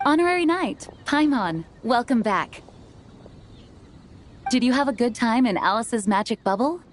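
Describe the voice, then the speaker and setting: A woman's voice: fairly high pitch, lively intonation, measured pace, slight background noise. An actress playing a composed, gracious young female knight leader in a video game, formal and poised.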